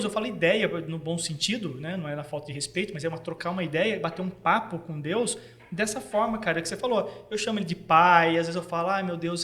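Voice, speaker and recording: Male podcast host, pitched high, earnest and rambling, interrupts himself. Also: fairly bright tone. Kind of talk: casual faith podcast chat.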